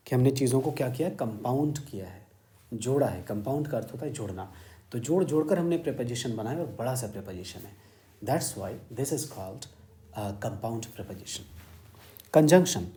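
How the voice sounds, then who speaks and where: Indian male grammar teacher, mellow tone, steady explaining lecture. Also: medium pitch. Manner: explains word meanings slowly, switching between Hindi and English.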